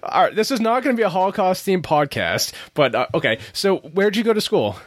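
Guy hosting a chill podcast, kinda high voice, jokey and rambly, dry sound. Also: big pitch swings, brisk, dry recording. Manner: rambling, self-correcting, jokey. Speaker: podcast host. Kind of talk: casual podcast chat.

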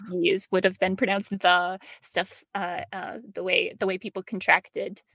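A woman's voice: on the low side, flat delivery, a little slow, gravelly, a bit bright, no room sound. A young woman podcast host and document editor, talking thoughtfully in an interview and laughing often. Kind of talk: conversational interview.

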